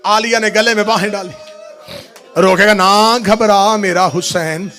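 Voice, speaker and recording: A man reciting a mourning sermon, swinging from hushed murmurs to high wailing shouts. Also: fairly even intonation, unhurried. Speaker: preacher reciting a majlis.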